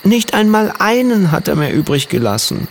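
A man voicing an excitable little boy who loves his goldfish, with a high, bubbly voice. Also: moderate pace, a little hiss or hum. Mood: tearful. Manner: high, bubbly, shrill when overjoyed.

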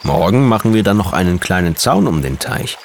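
A man voicing a kind, teasing father in a children's story, speaking calmly and matter-of-factly. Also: low voice, fairly quick, creaky, a little hiss or hum, exaggerated voice.

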